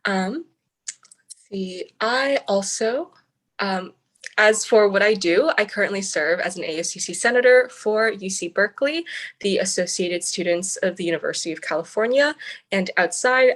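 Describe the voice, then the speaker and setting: A young adult woman from the San Francisco Bay Area, a student senator, answers interview questions earnestly and articulately, often saying "um." Her voice sits in the mid-range with a fairly bright tone.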